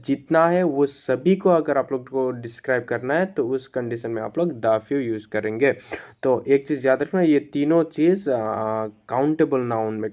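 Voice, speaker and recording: A male teacher explaining English grammar rules step by step. He often repeats himself and pauses with "uh". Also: medium pitch. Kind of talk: classroom-style lesson explanation. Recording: slightly dull lo-fi recording.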